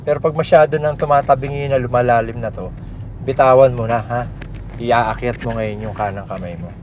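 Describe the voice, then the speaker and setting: Man, Filipino accent, driving instructor, short casual commands, muffled audio, loud car engine noise behind. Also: medium pitch, fairly quick. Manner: frequent short commands and tag questions. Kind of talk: hands-on coaching, casual instruction. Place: inside a moving car on the road. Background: engine and vehicle noise.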